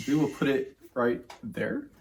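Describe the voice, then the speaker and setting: A young man hosts a casual whiskey tasting at home, his voice hoarse from a cold. He talks in an easygoing, rambling way, full of filler words. His pitch sits in an ordinary middle range. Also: very animated, a little slow, a little hiss or hum. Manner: chatty, laid-back, says "stinking" and "um" a lot. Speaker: whiskey reviewer host. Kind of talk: casual whiskey review chat. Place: home man cave, indoors.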